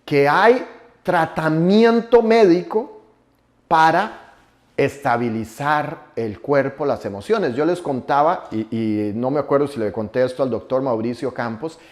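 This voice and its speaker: A Costa Rican man in his forties, with a mid-range voice and a slightly slow pace, gives a motivational conference talk. He is emphatic and colloquial, peppering his speech with local slang.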